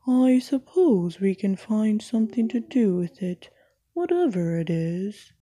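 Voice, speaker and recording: A woman's voice: expressive, extremely slow, mellow, slightly rough, full character voice. Woman doing Eeyore, a gloomy moaning donkey. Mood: glum. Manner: low, glum, moaning.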